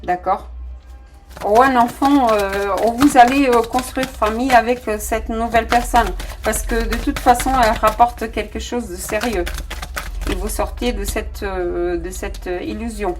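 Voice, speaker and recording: A woman's voice: a little high, steady tone, unhurried, over music. A woman with a non-native French accent giving a casual tarot reading, talking straight to her viewers with many fillers and restarts. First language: not French. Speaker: tarot reader.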